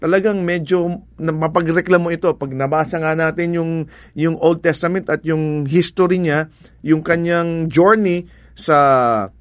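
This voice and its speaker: A man's voice: a little high, fairly even intonation, measured pace, no echo. A man with a Filipino accent preaching a sermon in a conversational way, slipping English into his talk and asking rhetorical questions.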